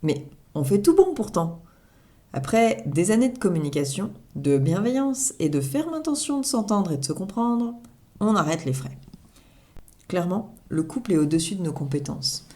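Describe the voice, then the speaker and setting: A woman's voice: mid-range voice, big pitch swings, normal speed, mellow. A woman reading her own blog article aloud as humorous personal narration, with wry, self-mocking asides.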